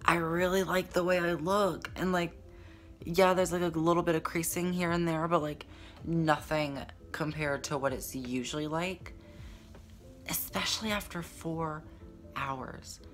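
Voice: medium pitch, steady tone, measured pace, a bit bright. A beauty vlogger in their twenties with a sassy, slangy drag queen manner, chatting casually to camera in a makeup review. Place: small indoor room set up for filming. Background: background music.

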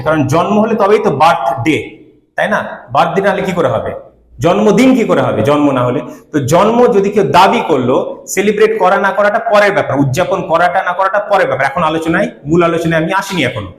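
A man's voice: sits high, lively intonation, fast, roomy sound. A man giving a religious lecture, arguing his points with rhetorical questions. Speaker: Islamic preacher.

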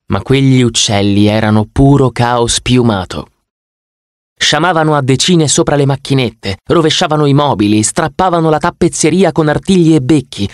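A man reading an audiobook in the first person, expressive and vivid. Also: medium pitch, no echo, studio quality. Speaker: audiobook narrator.

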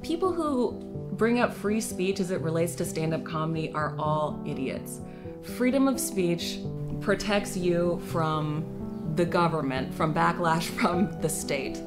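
Young woman comic, blunt, lowish voice, music under it. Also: lively intonation, unhurried. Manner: blunt, opinionated. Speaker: stand-up comedian. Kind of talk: documentary interview. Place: room with brick wall.

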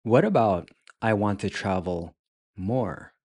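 Slow, low-voiced male language teacher. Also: lively intonation, darkish tone, no echo, clean studio sound. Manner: slow, deliberate, repeats each word several times. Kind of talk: beginner language lesson.

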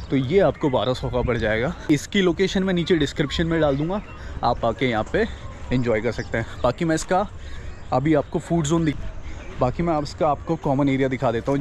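In a mid-range, slightly mellow voice, a young man vlogs his travels casually outdoors at a hillside campsite, walking and chatting with English words mixed in. Faint outdoor noise can be heard.

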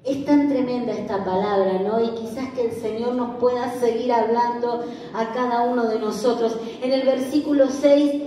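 A woman's voice: on the high side, normal speed, dark tone. A woman pastor with a Rioplatense Argentine accent, preaching a sermon in a conversational way and asking her listeners questions. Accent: Rioplatense Spanish. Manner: conversational, asks the audience questions. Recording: echoey room, voice from far off.

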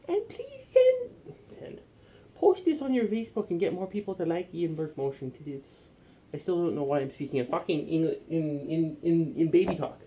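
Warm and on the high side, the man's voice belongs to a tipsy young vlogger who babbles and clowns while baking in his little home kitchen. A camera on the far side of the room captures this boozy cooking demo.

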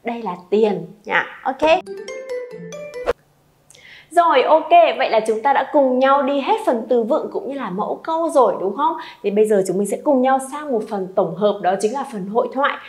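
A woman's voice: fairly high pitch, expressive, moderate pace, soft background music. A woman, teaching a beginner Chinese lesson and coaxing students to repeat aloud.

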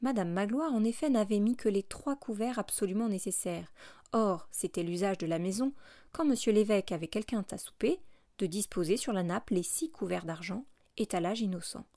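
A woman with an ordinary mid-range pitch reads a classic novel as an audiobook in a steady, measured voice. The recording is close and dry, with no room echo.

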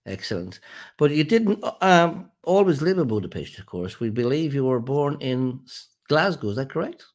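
An older man interviewing a guest over a video call, asking measured, friendly questions with a few fillers. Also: medium pitch, lively intonation. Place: indoor room at home.

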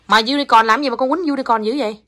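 A mother with a Southern Vietnamese accent talking to her toddler at home, coaxing and gently scolding in a casual chatty way. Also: fairly high pitch, rapid-fire, slight background noise. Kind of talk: casual home video chat.

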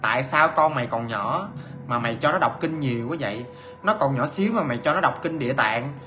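A man voicing the spirit of a dead father who speaks through a woman's body, gruff and scolding in a ghost story. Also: medium pitch, animated, a little fast, over music, natural voice. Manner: gruff, harsh.

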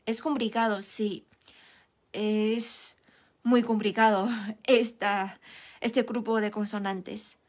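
A woman's voice: medium pitch, flat delivery, slow pace, pauses often. A young woman whose first language is Chinese, giving a patient, encouraging Mandarin lesson and demonstrating sounds. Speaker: Mandarin teacher. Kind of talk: live online language lesson.

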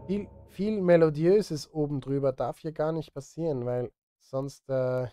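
With faint music behind him, this thirty-something streamer talks in an unhurried, smooth, mellow voice of fairly high pitch. He's composing film music at home, speaking casually to viewers and himself into a close studio microphone while wearing headphones.

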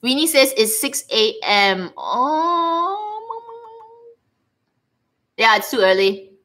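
A woman's voice: sits high, drawn-out words. A woman with a Singaporean accent hosting a casual livestream, playful and rambling as she chats to viewers. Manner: animated, playful, rambling, reacting aloud to viewers' comments. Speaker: livestream host. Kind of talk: casual livestream chit-chat. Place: living room, indoors.

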